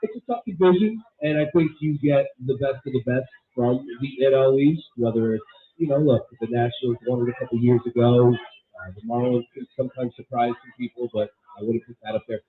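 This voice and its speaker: A man's voice: medium pitch, fairly quick. A man co-hosting a casual sports radio show, giving strong, emphatic opinions. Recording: tinny phone-like radio audio.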